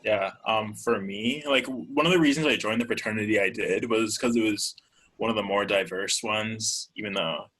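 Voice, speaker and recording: Young man, low voice, husky, halting, filler-heavy, interview guest. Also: a bit bright, rough recording. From Georgia, US. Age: young adult. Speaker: guest, college student. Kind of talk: casual interview chat.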